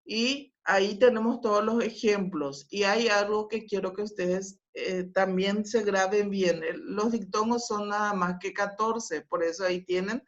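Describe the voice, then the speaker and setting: A woman teacher giving a patient class over a video call, often checking that her students follow along. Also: mid-range voice. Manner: slow, patient explaining with frequent filler sounds and checks. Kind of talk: online class lecture. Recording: dull lo-fi audio.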